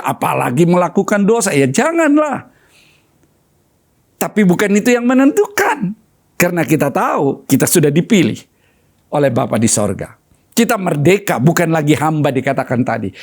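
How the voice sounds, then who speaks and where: A middle-aged man preaches a sermon in a fairly high voice. His pitch leaps and falls widely as he talks. He preaches with an animated, swinging delivery. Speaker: pastor.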